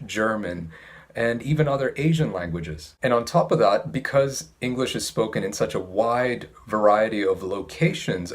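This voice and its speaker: A man giving an instructional talk as an English teacher, speaking in a precise, measured way with careful enunciation. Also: mid-range voice, breathy edge.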